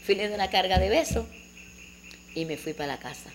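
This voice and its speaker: A woman's voice: mid-range voice, a little fast, slight background noise. Older woman telling old stories. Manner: animated, vivid storyteller who acts out family dialogue. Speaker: interviewee. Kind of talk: storytelling childhood memories.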